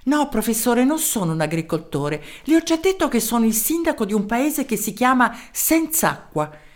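A woman's voice: fairly high pitch, big pitch swings, moderate pace, pitched above the performer's own voice. A woman voicing an earnest male village mayor who talks politely and insistently in a raised voice. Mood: eager.

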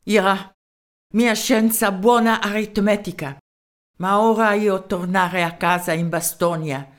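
A woman voicing an eccentric foreign male professor who speaks slow, broken Italian in a storybook. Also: medium pitch, steady tone, close to an everyday voice. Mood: didactic.

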